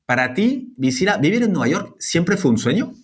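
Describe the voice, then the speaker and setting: French man, podcast host, native french speaker, animated voice, hesitant with fillers. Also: high-pitched, normal speed, breathy edge. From France. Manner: lively, hesitant with many fillers. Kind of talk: interview podcast.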